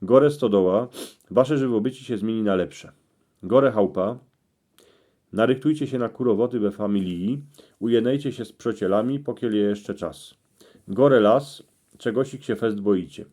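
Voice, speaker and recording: Man, low mellow voice, Cieszyn Silesian accent, dialect read-out, short clipped phrases. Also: normal speed. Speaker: presenter explaining dream meanings. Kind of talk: reading out dream interpretations in dialect.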